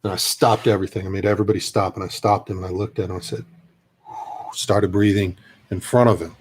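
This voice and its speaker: This deep, husky-voiced man talks quickly in a steady tone as he paints miniatures, musing casually about whatever comes to mind. He's an army veteran and a soft-spoken rambler who now and then lets his sentences trail away.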